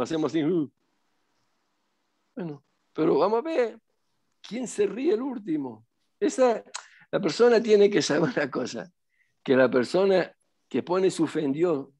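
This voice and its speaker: A middle-aged man gives a religious lesson as a rabbi, his voice sitting a little higher than most men's. He preaches emphatically, pressing his points with rhetorical questions. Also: a little mellow. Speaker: rabbi teaching.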